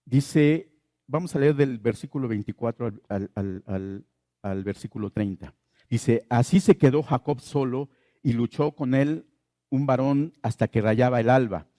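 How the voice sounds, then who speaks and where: A pastor delivering a sermon in a mellow, dark voice. He asks his listeners questions and circles back to repeat his key phrases. The sound is dry and close. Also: medium pitch, a little slow, no echo.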